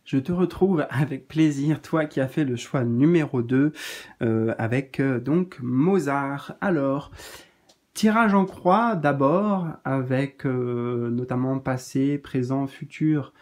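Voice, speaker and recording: A man giving a gentle, reassuring spiritual card reading in a casual spoken style, pausing often with fillers. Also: medium pitch.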